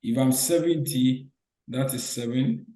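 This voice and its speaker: A man teaches an online lecture, quizzing students with repeated short questions in a call-and-response style and restating his points. His mid-range, dark-toned voice moves at a measured pace, and the recording is rough with an echoey room.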